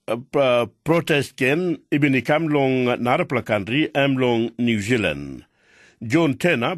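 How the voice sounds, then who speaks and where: A man's voice: mid-range voice, no room sound, clean studio sound. A man with a Papua New Guinean accent reads scripted radio news in pidgin.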